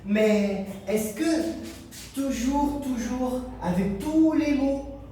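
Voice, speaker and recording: A man's voice: extremely high pitch, very slow, mellow, slight background noise. A man teaching a French lesson to children at a board, acting out the pupils' answers himself. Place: classroom with whiteboard. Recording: echoey room, mic far off.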